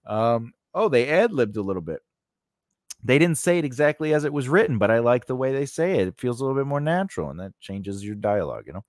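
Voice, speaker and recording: This middle-aged screenwriting channel host speaks fast in a sing-song, slightly mellow mid-range voice, teaching emphatically and conversationally to camera. He's close on a studio condenser mic on a stand in a small home studio with a cloth backdrop, with no room sound.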